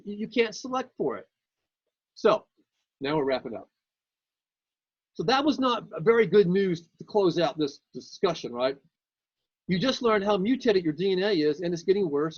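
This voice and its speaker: A man lectures a class in a high, husky voice, chatty and casual. He stumbles over repeated words as he thinks aloud. The recording is dry and muffled, like a lo-fi mic. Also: no echo.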